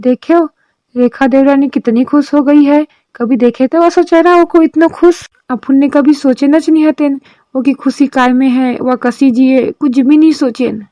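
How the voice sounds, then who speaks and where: A woman's voice: sits high, steady tone, measured pace, warm tone, no echo, poor audio. A woman voicing a sensible young daughter-in-law in a cartoon drama, lecturing and persuading her mother-in-law. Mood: preachy.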